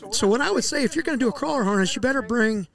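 A middle-aged man, a fishing guide, explaining his methods in a relaxed, casual interview outdoors on a headset mic, with fillers and restarts. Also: very high voice, rapid-fire, gravelly, a crowd in the background. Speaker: walleye fishing guide, podcast guest. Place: outdoor deck by a lake.

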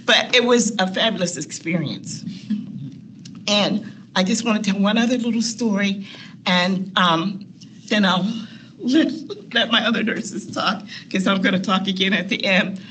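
A nurse educator seated at a long table in a meeting room tells personal stories on a panel, laughing often and acting out quotes. Her medium-pitched voice is a little slow with a fairly bright tone, and there's a slight hiss or hum.

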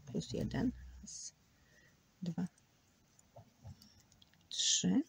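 A woman's voice: lowish voice, big pitch swings, drawn-out words, gravelly, slightly rough, no room sound. A woman teaching a crochet tutorial, patiently counting stitches aloud and sometimes dropping to a near whisper. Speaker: crochet instructor.

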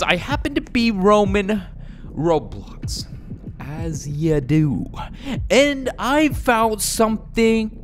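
A young man hosts a gaming video, his voice on the high side with a fairly bright tone. He keeps the gameplay commentary jokey, slangy and casual, calling viewers "guys" and "dude," while music plays behind him.

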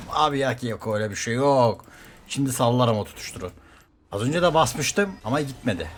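A man streaming a game, talking fast to viewers and teammates, swearing casually and getting excited by turns. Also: lowish voice, a little hiss or hum. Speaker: gaming streamer. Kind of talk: live gameplay commentary.

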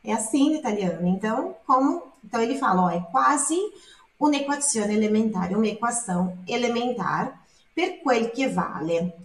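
A woman's voice: on the high side, lively intonation, moderate pace. A woman with a Brazilian Portuguese accent teaching Italian song lyrics, explaining and repeating words to show how they are said. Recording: echoey room, voice from a distance.

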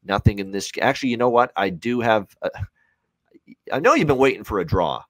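On a video call from a small room at home, a sports betting analyst in his thirties ad-libs commentary for a hockey preview show, hammering his points and repeating them. His voice is lowish and a bit bright, with lively intonation and a slightly fast pace, and the recording is dry.

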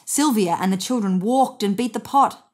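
A woman in her thirties sits indoors on a bed, reading a children's story aloud as an expressive narrator. Her mid-range voice is a little mellow and moves at a moderate pace.

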